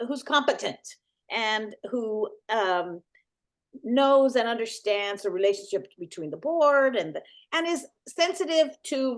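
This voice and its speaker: A middle-aged woman with a voice a bit higher than most speaks in a casual, explanatory way. She is earnest and keeps pausing with fillers and restarting her sentences. She sounds like a regular co-host laying out a point. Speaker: podcast co-host and elected county board member.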